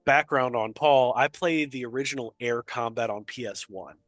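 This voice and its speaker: A man's voice: mid-range voice, normal speed, a bit bright, no echo. A man co-hosting a gaming podcast, talking in an enthusiastic, rambling casual chat. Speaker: podcast co-host.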